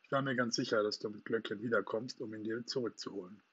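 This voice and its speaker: A husky-voiced man voicing a cheerful, eager young girl in a storybook reading, his voice lifted higher and brighter, on a dull lo-fi recording. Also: fast, dry recording. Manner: excited, raised voice.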